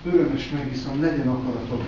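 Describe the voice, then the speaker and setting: A man reading the part of Jesus in plain, measured verse at a play rehearsal. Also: mid-range voice, mellow, slight background noise, natural voice. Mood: solemn. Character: Jesus, calm adult man, read in rehearsal. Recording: distant mic in echoey hall, dull.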